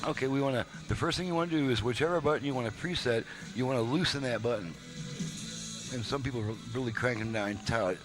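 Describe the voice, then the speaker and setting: The audio is poor, and music plays under a fast-talking man's mid-range voice. Acting as a radio repair technician, he gives a casual, folksy, off-the-cuff, step-by-step product demonstration against radio audio.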